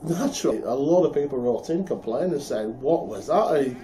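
A middle-aged man from the UK, chatting casually as a co-host and telling a story with animated laughs. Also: mid-range voice, fairly quick. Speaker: podcast co-host. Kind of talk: casual chat.

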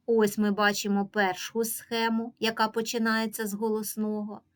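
A woman teacher with a Ukrainian accent leads a reading lesson for young children at an unhurried pace. Her voice sits a little high, and she speaks with patient, clear instruction. She draws out each example word slowly so the children can follow. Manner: slow, drawn-out pronunciation of example words.

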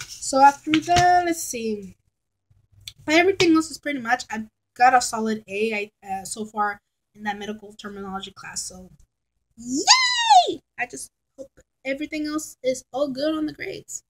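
High-voiced woman rambling to her webcam. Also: big pitch swings, normal speed, background noise. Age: 30s. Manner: rambling, chatty, frank and exasperated. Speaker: vlogger. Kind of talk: casual rambling vlog. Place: bedroom at home, indoors. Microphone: laptop webcam at close range.

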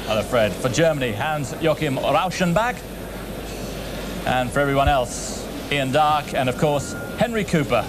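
Male TV sports presenter, mid-pitched, live delivery in a very noisy arena. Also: lively intonation, measured pace. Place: ringside desk in an indoor arena.

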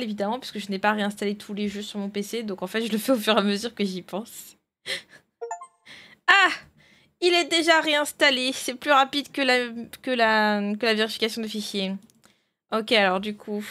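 A woman's voice: mid-range voice, a bit bright. A woman streamer chatting casually with her viewers as she checks files and switches games, thinking aloud as she goes. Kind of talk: casual live-stream chat.

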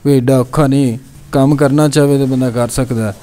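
A man's voice: medium pitch, steady tone, moderate pace, warm tone. A man, a small factory owner giving brief, plain answers in an interview, recorded on a handheld mic in a small workshop.

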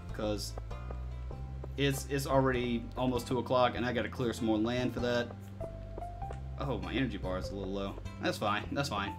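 A man giving casual let's play commentary, laid-back and muttering to himself in short phrases. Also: mid-range voice. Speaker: video game player and commentator.

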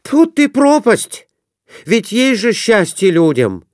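A man doing a loud, folksy rustic merchant. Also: medium pitch, sing-song, unhurried, dry recording, studio quality, voice pushed up. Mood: rowdy.

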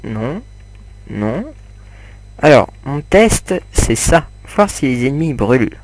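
A man's voice: mid-range voice, very animated, slow pace. A young man giving casual, rambling commentary over his gameplay, full of fillers and asides to viewers. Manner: rambling, many fillers, chats to viewers while playing. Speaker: gamer commentating his play.

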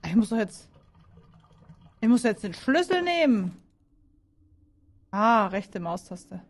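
Woman, gaming video creator, let's play commentary, chatty, jumpy, fairly high voice. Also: sing-song, takes it slowly. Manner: chatty, jumpy, shrieks when scared.

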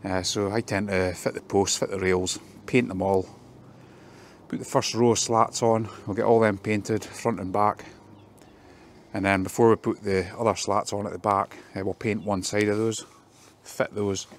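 In this casual work vlog, a man who builds fences walks a garden job on camera and talks it through practically, saying um a lot. He speaks at normal speed with a lowish, fairly even voice, and there's a little hiss or hum.

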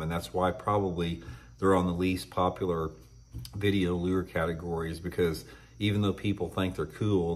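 A man in his fifties hosting a fishing channel, talking casually to camera indoors. He is blunt and opinionated and clears his throat often. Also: low voice. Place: indoor room with shelves of tackle.

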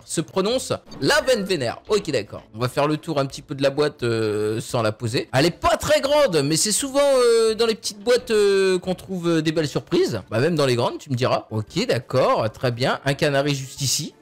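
A young man giving excited gameplay commentary as a gaming YouTuber, exclamatory and slangy, easily amazed, talking at a desk mic at home. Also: fairly high pitch, moderate pace, few pauses.

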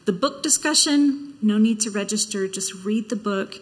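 Measured woman in a reverberant church. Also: mid-range voice. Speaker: minister leading a church service. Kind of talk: church announcements and reading. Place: church sanctuary, at the pulpit. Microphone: gooseneck pulpit microphone. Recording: long reverb of a large hall.

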